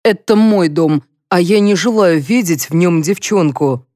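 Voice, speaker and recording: A woman reading an audiobook, voicing a stern, gruff middle-aged man who speaks bluntly. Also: on the low side, measured pace, dark tone, no echo, studio quality, lightly acted. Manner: blunt, curt.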